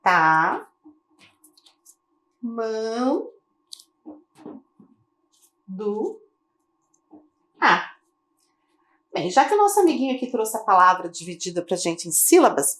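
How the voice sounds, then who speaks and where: A woman teaching children in a video lesson, her voice high and very animated as it rises and falls. She has a Brazilian Portuguese accent and breaks words into syllables slowly and clearly. She keeps asking the pupils questions.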